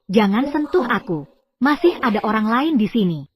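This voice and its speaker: A frightened yet defiant young wife in a dubbed television drama, voiced by a woman. Her voice sits fairly high and rises and falls with lively swings in pitch. She pleads and refuses sharply. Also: moderate pace, a crowd in the background. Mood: tense. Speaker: voice actor dubbing a drama.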